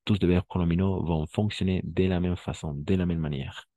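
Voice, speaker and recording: Low, mellow-voiced male teacher drilling. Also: steady tone, dry recording. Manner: repeats phrases slowly, drills pronunciation; checks in often with students. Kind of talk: online language lesson.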